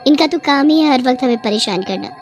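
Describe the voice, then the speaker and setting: A woman's voice: high-pitched, big pitch swings, dull audio, soft background music, pitched above the performer's own voice. A woman doing a rude, bratty young wife. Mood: dismissive. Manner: quick, dismissive and bratty.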